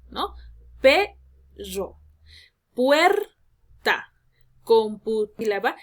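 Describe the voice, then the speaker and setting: A woman teacher giving a lesson, speaking slowly and emphatically and drawing out her example words. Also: a little high. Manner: addresses students as "jóvenes". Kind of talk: classroom lesson.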